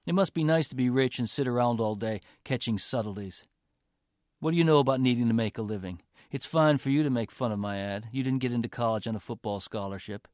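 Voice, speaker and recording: A man's voice: mid-range voice, moderate pace, a little mellow, no room sound, clean studio sound, lightly acted. A man voicing a resentful young male college athlete who turns sarcastic and bitter in a story reading.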